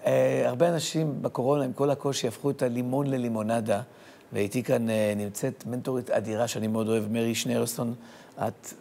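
A man hosting a TV talk show, chatting casually and chiming in with quick agreeing interjections. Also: medium pitch, fairly even intonation, gravelly, dark tone. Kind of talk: casual studio chat.

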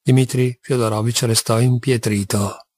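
A man narrating a classic novel as an audiobook reader, measured and expressive. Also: medium pitch, dry recording.

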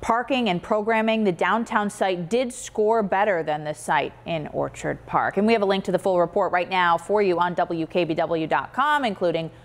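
Young woman reading scripted TV news. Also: on the low side. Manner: crisp, measured broadcast delivery. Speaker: news reporter. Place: television studio. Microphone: lapel mic.

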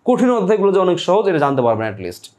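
A young man with a slightly high voice runs a live online class. He explains step by step, repeating each word and asking the class questions. He also reads out viewer comments. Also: big pitch swings, fast talker, darkish tone. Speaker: online Bengali tutor.

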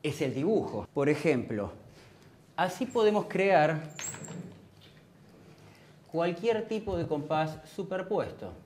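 A man's voice: fairly high pitch, lively intonation, slow, long pauses, a little mellow, a little hiss or hum. A man with a Rioplatense Spanish accent teaching music theory, explaining meter and counting beats aloud. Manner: counts beats aloud over piano playing. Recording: piano playing behind the voice.

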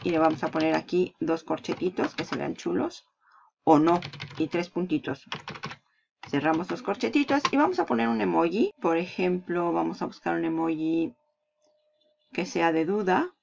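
Gravelly-voiced woman teaching onscreen steps. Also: fairly low pitch, normal speed, a little mellow, a little hiss or hum. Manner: walks through steps while clicking, asks and answers her own questions. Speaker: online marketing tutor. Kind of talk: screen-recorded tutorial. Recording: dull lo-fi sound.

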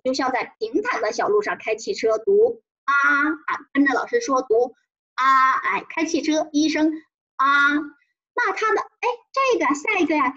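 A woman's voice: high-pitched, a bit bright, lo-fi sound. A woman teaching a children's pinyin lesson, drawing out tones in a sing-song way and prompting the class to repeat after her. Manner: sing-song, drawn-out tone demonstrations. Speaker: primary school teacher.

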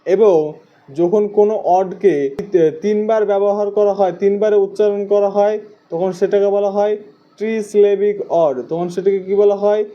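A man's voice: sits high, fairly even intonation, measured pace, highs cut off. A man teaching English grammar who spells words out letter by letter, repeats key terms, and asks the class questions he then answers himself. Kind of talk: spoken grammar lesson.

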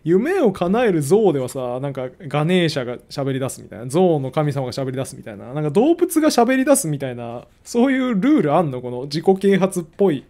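A man's voice: on the high side, big pitch swings, a little fast, few pauses, dark tone. A man hosting a live stream, reading a business book aloud and mocking it in a sarcastic, exasperated tone.

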